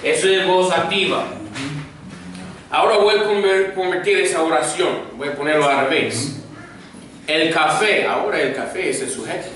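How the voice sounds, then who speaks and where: A man's voice: fairly high pitch, moderate pace, a bit bright. A man teaching a Koine Greek grammar class, patiently drilling vocabulary and asking the students to repeat after him. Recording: echoey room, mic far off, faint noise.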